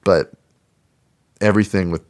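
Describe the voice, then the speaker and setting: A man with a very deep voice talks through a film in relaxed podcast chat. He rambles a little, leaning on fillers as he thinks aloud. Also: normal speed. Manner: laid-back, rambling, filler-heavy. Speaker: podcast co-host. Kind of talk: casual movie review chat.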